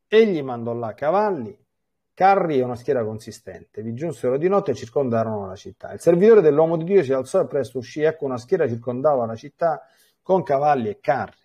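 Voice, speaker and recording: A man, a priest, giving a biblical catechesis, reading scripture passages and commenting in a lively way, often repeating words as he restarts phrases. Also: mid-range voice, a little fast, husky, muffled recording.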